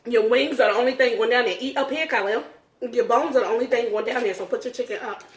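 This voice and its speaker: High-pitched woman eating fried chicken, casual. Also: fast, roomy sound. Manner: eating fried chicken, with mmms between phrases. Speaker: mukbang host. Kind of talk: casual mukbang chat while eating.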